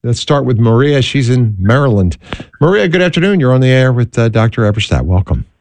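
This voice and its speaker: A middle-aged man hosting a live call-in radio show with a smooth radio host delivery, welcoming callers and guests. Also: mid-range voice, sing-song, fairly quick, darkish tone, no room sound.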